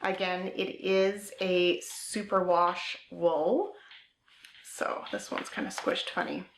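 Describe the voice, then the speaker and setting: A woman talks in a slow, unhurried way as she hosts a knitting show and chats about what she has. She sounds eager and casual, drifting off mid-thought and using fillers. Her voice echoes around the room at home where she is recording. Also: on the low side, little pitch movement, a little hiss or hum. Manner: chatty and enthusiastic, with filler words and trailing thoughts. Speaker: knitting podcast host. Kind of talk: casual show-and-tell chat. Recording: roomy echo.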